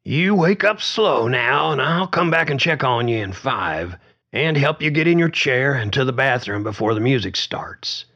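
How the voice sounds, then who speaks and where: A sweet but gritty caregiver woman with a breathy, smoky voice, coaxing and fussing in a lively, sing-song way, as a male narrator puts her on in a storybook reading. The sound is dull and lo-fi. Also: medium pitch, normal speed, voice pushed up. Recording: dull lo-fi recording.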